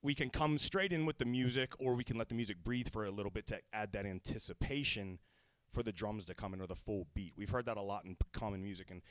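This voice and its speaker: A man's voice: on the low side, quick pace, dry recording. A man hosting a casual livestream drum lesson, a little out of breath, greeting chat viewers by name as he explains.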